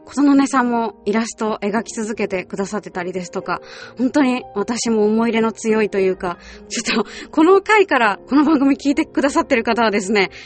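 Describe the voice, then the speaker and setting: Brisk and lively in intonation, a woman with a fairly high voice hosts a radio show over background music. A voice actress as well, she sticks to a polite, scripted style but adds chatty, casual asides.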